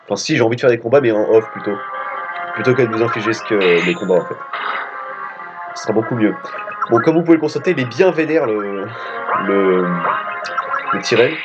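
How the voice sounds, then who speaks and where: This man hosts a let's play, talking casually and rambling while he plays, swearing freely along the way. His voice is lowish and a touch fast, broken up by frequent pauses. The audio is dull and lo-fi, with game music running in the background.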